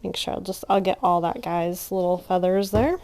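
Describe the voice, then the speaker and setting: Slightly low-voiced woman talking through a craft. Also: normal speed, a little mellow. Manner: chatty, rambling, many fillers and restarts. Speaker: crafter teaching junk journal making. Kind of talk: casual craft tutorial narration.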